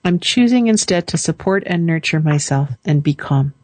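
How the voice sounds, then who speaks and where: Woman host, lowish voice, dry close sound, calm coaching of a caller. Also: dry recording. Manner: calm, slow, leads phrases for repeating. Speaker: radio show host and coach. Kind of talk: guiding a caller through affirmations.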